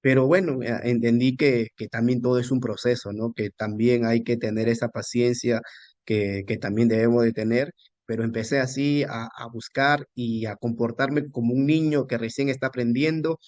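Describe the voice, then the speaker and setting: A man, a pastor and missionary, telling a personal testimony with many restarts and lively quoting of his own words. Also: mid-range voice, no room sound. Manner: halting with many restarts, animated quoting of himself. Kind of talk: storytelling testimony.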